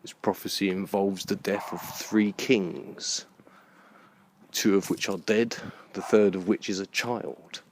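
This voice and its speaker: While walking in a park, a man rambles aloud about books for a vlog, musing haltingly and pausing between phrases. His voice is low-pitched with fairly even intonation, and the outdoor recording carries clear background noise.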